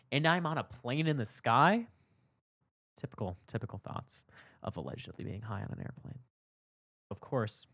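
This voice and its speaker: A young man hosting a podcast, telling a personal story in a candid, reflective way, his voice jumping up for emphasis and dropping low for asides. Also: no room sound, studio quality. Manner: reflective, candid, swings between loud emphasis and soft asides. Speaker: podcast host.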